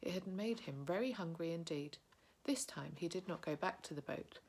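A woman, an early childhood educator, reading a novel aloud in a calm, steady way, often dropping to a hushed whisper. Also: on the low side, normal speed, husky.

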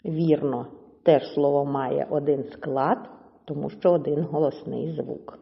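A woman with a low voice gives a children's lesson at an unhurried pace, drawing words out syllable by syllable. Her patient voice carries a long reverb and a dull, lo-fi sound. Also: steady tone, gravelly. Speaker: teacher.

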